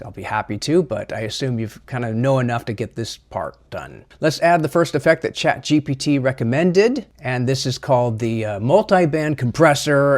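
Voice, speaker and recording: A man with a medium-pitched voice presents a software tutorial, keeping it casual, chatty, and a little self-deprecating.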